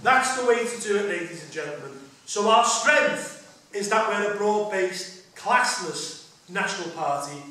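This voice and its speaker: Man with a high, bright voice hammering his points at a public meeting, super echoey, far from the mic. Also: animated, measured pace, slight background noise. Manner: emphatic, repetitive build-up. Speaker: party speaker. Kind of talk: political rally speech. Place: hotel function room. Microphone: far camera. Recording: echoey hall from far off, faint murmur.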